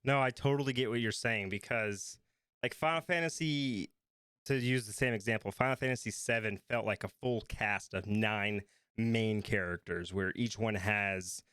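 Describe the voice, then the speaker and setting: A man in his thirties co-hosting a podcast in casual chat, animated and quick to laugh. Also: on the low side, smooth, no room sound, studio quality. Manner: animated, laughs easily, chatty. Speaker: podcast co-host.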